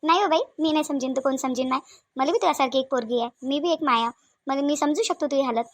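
A motherly older village woman, voiced by a woman, fusses in a Varhadi accent for a cartoon, her voice high and her talk quick. She coaxes and repeats herself over and over. The recording is close and dry. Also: no room sound, close to an everyday voice. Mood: comforting. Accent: Varhadi Marathi. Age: middle-aged. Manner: coaxing, fussing, repeats herself. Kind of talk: cartoon voice acting.

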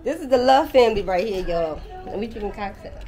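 A woman in her thirties vlogging a family get-together on the porch and yard, talking loudly into a handheld camera and laughing often. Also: medium pitch, expressive, fairly quick, a crowd in the background. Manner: loud, laughing, teasing. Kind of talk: casual family vlog chat. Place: family house porch and front yard, outdoors. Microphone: handheld camera at arm's length. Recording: busy family gathering around.

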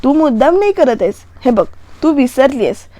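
A woman voicing a defensive, exasperated young husband, in slow, plain quoted lines. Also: sits high, sing-song, warm tone, no room sound.

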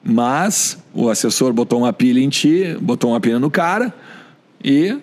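Man, Gaúcho accent, husky voice, middle pitch, chatty podcast anecdotes, mimics people he quotes. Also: moderate pace. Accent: Gaúcho Brazilian Portuguese. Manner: animated, acts out quoted voices. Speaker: sports journalist guest. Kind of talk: casual podcast storytelling.

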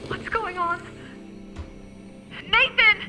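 A woman's voice: extremely high pitch, extremely slow, music in the background, exaggerated voice. An actress playing an angry, distraught mother in a video game. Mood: alarmed.

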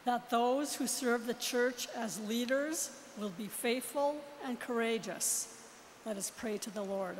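A woman, a lector, reading the prayers of the faithful slowly and carefully in a large church. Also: a little high. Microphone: far camera. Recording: long church reverb, faint noise, far camera.

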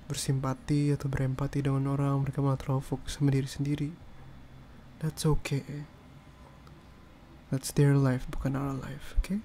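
Soft-spoken man in whispered role-play. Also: mid-range voice, creaky, slight background noise. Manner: soft, gentle comforting tone; hushing and soothing. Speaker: ASMR performer.

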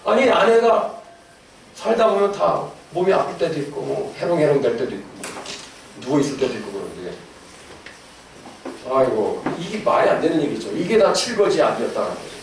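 Middle-aged male lecturer, slightly high voice, animated and joking, caught from far off in an echoey hall. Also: normal speed, creaky, slight background noise. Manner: animated, laughing asides, questions to the audience. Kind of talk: lively lecture to an audience.

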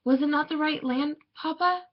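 A woman's voice: high voice, normal speed, pitched above the performer's own voice, close to an everyday voice. Woman doing a young refugee child, earnest. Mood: anxious. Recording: dull lo-fi recording.

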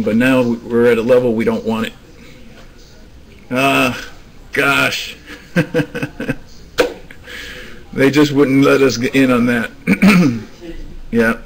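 A man's voice: medium pitch, low-quality recording. Guy talking traders thru a live market, lots of uh and restarts, plain mid voice. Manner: hesitant, restarts, coaxing the screen. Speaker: forex trading room host. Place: trading room, screen recording.

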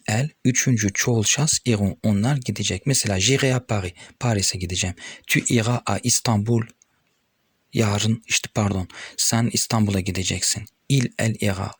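A man with a low, husky voice and a Turkish accent. He explains French verb forms patiently and reads each conjugation slowly. The sound is dry and close. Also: dry recording. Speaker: French teacher. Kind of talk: explaining grammar to viewers.

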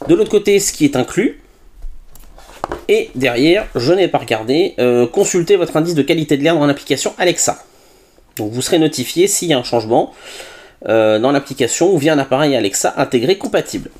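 A man's voice: fairly high pitch, animated, a little fast, a little mellow. A man doing a chatty product unboxing as a tech reviewer, tossing in little interjections and hesitations as he goes. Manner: chatty, with frequent "hop" and hesitations.

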